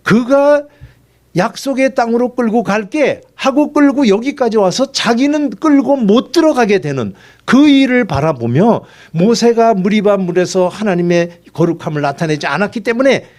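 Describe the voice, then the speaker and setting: A male pastor preaches in a conversational, storytelling manner and keeps slipping into acted dialogue. His voice sits high, and his pitch moves in lively swings. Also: normal speed, hardly any pauses. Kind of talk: sermon.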